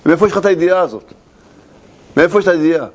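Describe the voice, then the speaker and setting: Man, high voice, Torah teacher, retells a tale, animated lecture, asks rhetorical questions, repeats phrases.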